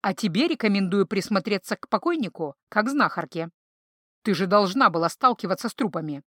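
A woman's voice: mid-range voice, lively intonation, a little fast, dry recording, clean studio sound, lightly acted. A woman reading an audiobook, voicing an unflappable male investigator with a composed, matter-of-fact manner.

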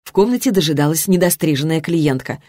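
Measured woman audiobook reader. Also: low-pitched, animated, a little mellow, no room sound, clean studio sound. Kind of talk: scripted narration.

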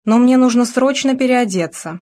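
A woman reading the lines of a young female fashion model who sounds hurried and apologetic. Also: fairly high pitch, mellow, voice pushed up, natural voice. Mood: shaken.

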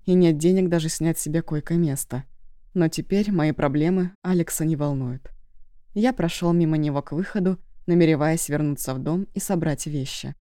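A woman narrating an audiobook in the first person, steady and conversational, close to the mic. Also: low voice, normal speed, dry recording.

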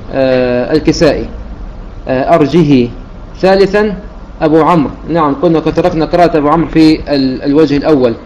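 Methodical Arabic lesson teacher, lo-fi. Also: male voice, on the high side, a little mellow. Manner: methodical, repeats points, restarts words while counting. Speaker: Quran recitation teacher. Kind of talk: religious lesson explaining readings. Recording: dull lo-fi recording with faint hiss.

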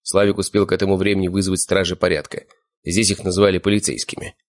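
Мужчина читает аудиокнигу от первого лица, жёстко и отрывисто озвучивая и реплики героев. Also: male voice, sits low, level tone, fast. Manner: hard, curt first-person storytelling. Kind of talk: audiobook narration with character voices.

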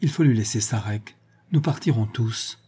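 Frightened superstitious Breton housekeeper woman played by a male reader, pleading, audiobook, husky and dark. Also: mid-range voice, normal speed. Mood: insistent.

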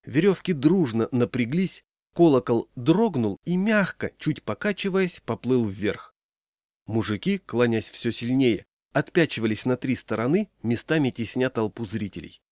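A man narrating a story aloud in an expressive audiobook reading. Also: mid-range voice, a little slow, no room sound, clean studio sound. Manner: lively storytelling, voicing characters.

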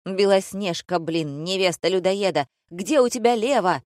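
A woman voicing a loud, rude, bossy male theatre director who shouts mocking, theatrical insults in an audiobook. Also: fairly low pitch, unhurried, no room sound, clean studio sound, lightly acted. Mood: barking, mocking. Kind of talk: audiobook character voice.

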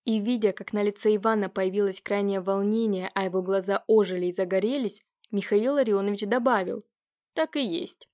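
A woman narrates a historical audiobook at a steady pace. Her middle-pitched voice keeps an even, composed storytelling tone. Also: fairly quick, few pauses. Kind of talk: scripted narration.

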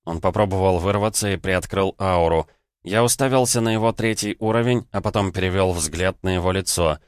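A man narrating first-person fantasy fiction for an audiobook at a steady, measured pace. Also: low-pitched, smooth, dry recording, studio quality.

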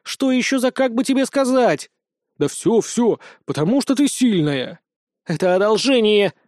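A man's voice: sits high, sing-song, measured pace, a little mellow, no room sound, studio quality, pitched above the performer's own voice. A man voicing a small, bossy female cat who is a fire deity, huffy and boastful. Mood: offended.

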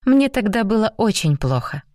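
A woman voicing an eager, earnest young woman in love in an audiobook, her voice lifted high and breathy. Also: very animated, normal speed, dark tone, no room sound, studio quality, close to an everyday voice. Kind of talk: audiobook reading.

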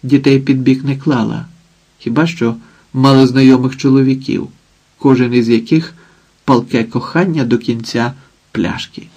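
A man reading an audiobook as narrator in an even, subdued storytelling manner. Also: mid-range voice, normal speed, poor audio. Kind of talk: scripted narration.

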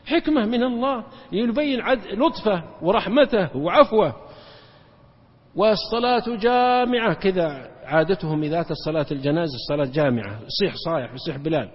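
Rapid high-voiced preacher in an echoing hall. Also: male voice, animated, husky. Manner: emphatic, rapid, jumps in pitch for emphasis. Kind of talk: religious lecture storytelling. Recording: dull lo-fi recording with long hall reverb.

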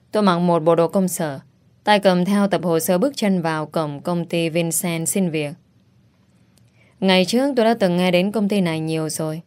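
A young woman narrating a first-person story in a wry, confiding, expressive way. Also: on the low side, clean tone.

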